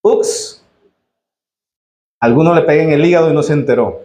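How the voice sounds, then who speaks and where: Nicaraguan pastor guy preaching, kinda high voice, punchy, keeps asking the church questions, echoey room. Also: rapid-fire, darkish tone. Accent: Nicaraguan Spanish. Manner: emphatic, exclamatory, quizzes the congregation with rhetorical questions. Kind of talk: sermon.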